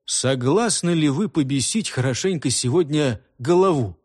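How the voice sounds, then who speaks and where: A man's voice: a little high, lively intonation, moderate pace, darkish tone, no room sound, clean studio sound. A man voicing a bold young villager who mocks his father and rallies his friends. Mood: rallying. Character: bold young male villager, mocking and defiant.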